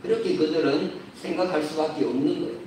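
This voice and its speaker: A man preaching a sermon as a pastor, measured and building to emphatic points, recorded in a church sanctuary. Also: fairly high pitch, darkish tone, a little hiss or hum. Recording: roomy echo, distant mic.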